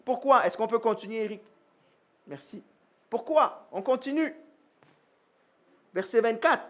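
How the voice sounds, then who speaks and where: The recording of this live church sermon is muffled, capturing a pastor with a very high-pitched voice who speaks unhurriedly. With animated energy, he asks the congregation questions directly and plays out little exchanges in character voices.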